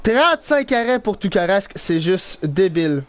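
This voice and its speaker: A young man with a Québécois French accent calls his hockey video game as he plays it. He talks in a high register and veers between frustrated groans and excited outbursts. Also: unhurried. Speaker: gaming YouTuber. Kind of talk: live gameplay commentary.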